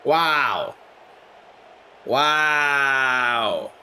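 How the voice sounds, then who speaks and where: With a medium-pitched, hoarse, flu-worn voice, a man does play-by-play for a video game football simulation on a live stream. He draws out his words, chats with viewers, and shouts on big plays.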